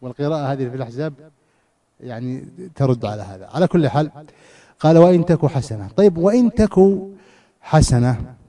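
A man teaches a lesson on scripture and grammar in a fairly high but mellow voice. He asks his students questions, repeats phrases to drive them home and often restarts his words. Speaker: teacher of Quranic exegesis and grammar. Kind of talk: classroom lesson.

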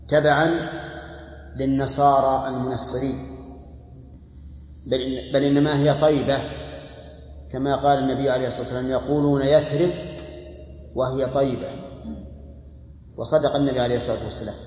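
A man's voice: medium pitch, a little mellow, reverberant, in a large hall, highs cut off. A man teaching a lesson on classical poetry, explaining words and quoting sources as he goes. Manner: explanatory, quotes verses and sources, clears throat. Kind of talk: lesson commentary on classical verse.

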